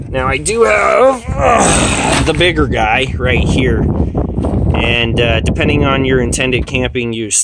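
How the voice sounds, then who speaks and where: A man's voice: mid-range voice, background noise. A man in his thirties, chatty and plain-spoken with lots of "uh" and "um", giving camping gear advice outdoors at a campsite and talking into a handheld camera. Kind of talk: casual outdoor gear talk.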